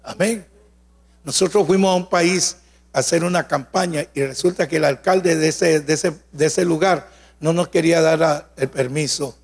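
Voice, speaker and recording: A man preaching a sermon at a convention, fervent and storytelling, calling out to his listeners and at times bursting into shouts. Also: on the high side, moderate pace, husky. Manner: fervent, tells healing stories, calls out "amén" and "hermano". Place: large hall at a preaching convention. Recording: long hall reverb.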